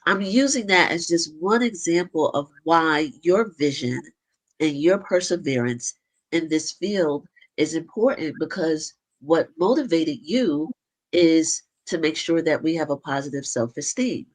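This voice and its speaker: A woman hosting an interview, explaining background in a measured way before asking her guest a question. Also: low-pitched, lively intonation. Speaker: host. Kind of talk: interview conversation.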